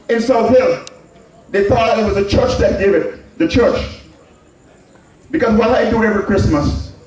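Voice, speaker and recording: This middle-aged public speaker from Anguilla has a high, slightly mellow voice. In his emphatic address he shares personal recollections and repeats key phrases to drive them home. The recording is strongly echoey, with the mic well away from him.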